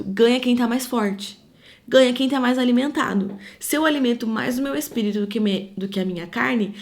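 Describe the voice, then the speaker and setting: A woman leading a live devotional for women, teaching in an earnest, conversational way and weaving in personal stories. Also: fairly high pitch.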